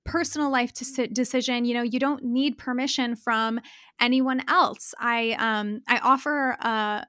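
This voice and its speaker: Woman, interview guest, passionate, bright voice, dry recording. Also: on the high side, unhurried, dry recording. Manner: passionate, animated, laughs often; self-correcting restarts when worked up. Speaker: guest, fashion brand founder. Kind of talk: conversational podcast interview.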